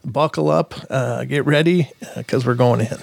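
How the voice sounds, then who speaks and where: A man's voice: medium pitch, moderate pace, vocal fry. A man hosting a podcast in a chatty, informal and encouraging way. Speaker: podcast host and interviewer.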